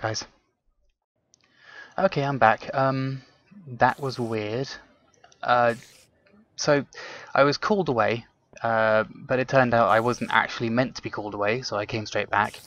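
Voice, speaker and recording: In a dry recording, a young man with a medium-pitched, slightly bright voice speaks at a measured pace with fairly even intonation and frequent pauses. He's rambling casually through a let's play, talking to himself and his viewers with plenty of ums.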